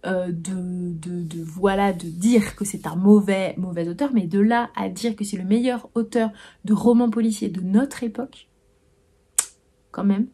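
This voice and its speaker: A young woman chats through her new books in a relaxed vlog, thinking out loud and stumbling over restarts. Her voice is mellow and warm, sitting at a middle pitch. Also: a little slow, breathy edge. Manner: hesitant, full of "euh" and restarts, musing aloud. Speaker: book vlogger. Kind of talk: casual chat about received books.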